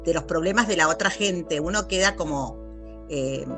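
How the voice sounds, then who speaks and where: A woman's voice: fairly low pitch, moderate pace, music in the background. A middle-aged Argentine woman answering interview questions in a thoughtful, reflective way, often checking in with short question tags. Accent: Argentine Spanish. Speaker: interview guest, lawyer and researcher.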